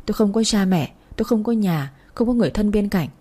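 A woman's voice: mid-range voice, animated, quick pace, warm tone, breathy edge. A woman narrating a sorrowful first-person audiobook story in a reflective way.

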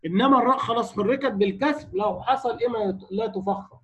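A man with an Egyptian Arabic accent, teaching a tajweed lesson in a casual spoken style, explaining rules and then reciting example verses slowly, repeating each one. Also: very high-pitched, a bit bright, slightly rough. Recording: dull lo-fi recording.

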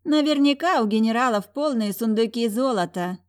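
A woman voicing a greedy, vain and bossy young noblewoman in a storybook, with a shrill, barking voice. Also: animated, normal speed, natural voice. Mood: dreamy.

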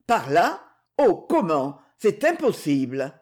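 A man's voice: fairly high pitch, wildly swooping pitch, slow pace, full character voice. A man voicing an anxious, impetuous young man who cries out in alarm.

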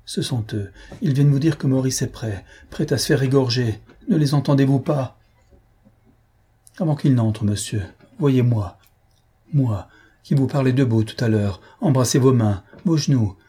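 A man's voice: mid-range voice, normal speed, mellow, husky. A man voicing an aging nobleman who pleads in anguish as a desperate father.

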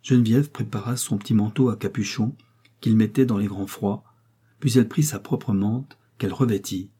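A man narrating a classic novel as an audiobook, in a steady, measured reading. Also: lowish voice, slightly rough. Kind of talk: scripted narration.

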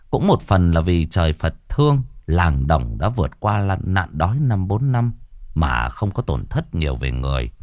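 A man narrating a ghost story in a measured, expressive storytelling manner. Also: deep voice, no echo, studio quality.

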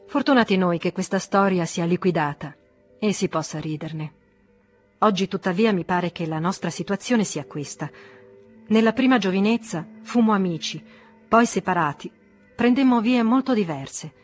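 A serene older master speaks with calm, gentle amusement, as a woman reads him. His delivery is measured and composed, kind rather than stern. An audiobook figure with faint music behind. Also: fairly low pitch, lightly acted. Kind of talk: audiobook reading.

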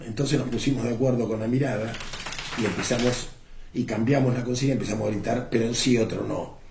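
A man in his seventies with an Argentine Rioplatense accent, recounting political history in a reflective, unhurried way, often pausing on filler words. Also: mid-range voice, warm tone. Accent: Argentine Rioplatense Spanish. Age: 70s. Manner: reflective, unhurried storytelling with frequent "este" fillers. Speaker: interviewee. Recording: roomy with faint background noise.

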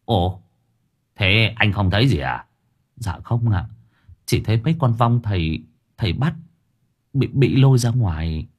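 A man's voice: fairly low pitch, expressive, measured pace, pauses often, husky. A man voicing a timid village man who asks nervous, polite questions with a stammer. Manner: hesitant, stammering, deferential.

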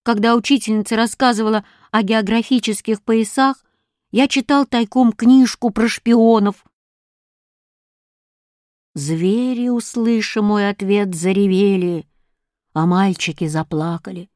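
A woman reading a children's story aloud with expressive narration. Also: mid-range voice, unhurried, no room sound, studio quality. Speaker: audiobook reader.

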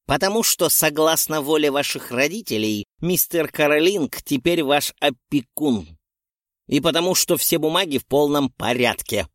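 A man's voice: fairly high pitch, lively intonation, moderate pace, dry recording, clean studio sound, voice pushed up, close to an everyday voice. A man voicing a stern, indignant old woman who is the head witch of a magic academy, scolding students. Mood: curt.

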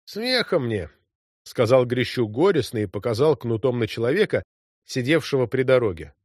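A man's voice: mid-range voice, animated, a little fast, darkish tone, no room sound, natural voice. A mournful old cart driver asks his sorrowful questions, as a male narrator puts him on. He sounds musing and heavy-hearted. Dry, close recording. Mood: bitter.

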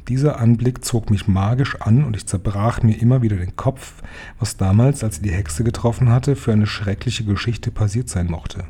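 A man reading a children's story aloud in steady, calm first-person narration. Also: medium pitch, husky. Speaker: audiobook reader.

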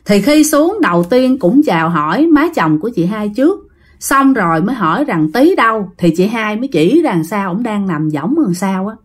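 A woman telling a ghost story casually, chatty and speaking directly to her listeners. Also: medium pitch.

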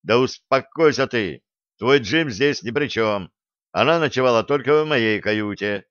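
A man's voice: medium pitch, lively intonation, unhurried, fairly bright tone, dry recording. A man reading an audiobook, voicing a harried, short-tempered young starship captain who barks orders. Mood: exasperated. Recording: dull dry close recording.

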